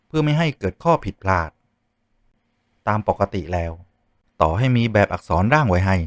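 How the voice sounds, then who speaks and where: A man narrating a martial arts novel in an expressive storytelling manner. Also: lowish voice, dry recording, clean studio sound. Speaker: audiobook narrator.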